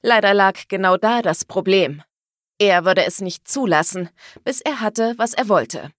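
A woman's voice: mid-range voice, expressive, unhurried, dry recording, clean studio sound. A woman narrating a first-person audiobook expressively, giving her own lines a feisty edge.

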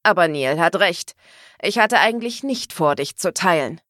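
A woman voicing a menacing, dominant gangster man with a rough, low voice, speaking slowly and threateningly. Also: animated, fairly bright tone, no echo, studio quality.

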